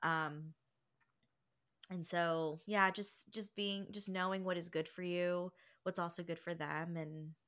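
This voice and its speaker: A woman's voice: on the low side, fairly even intonation, slow pace, fairly bright tone. A woman in her thirties co-hosting a casual podcast, speaking reflectively and meandering through her ideas with many fillers. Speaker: podcast co-host.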